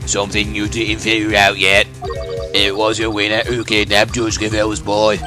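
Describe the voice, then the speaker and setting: For a fan-made game voice-over, a man plays a teasing, gloating caller heard through a voice changer on a phone line, with a taunting mood. His voice is on the low side and completely flat, at normal speed, with music in the background.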